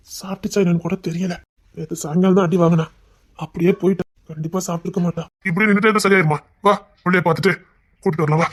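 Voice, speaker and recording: A man's voice: sits high, darkish tone. A man in a Tamil audio drama voicing a remorseful husband and worried family man who speaks earnestly and pleads. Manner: pleading, earnest, heavy with regret.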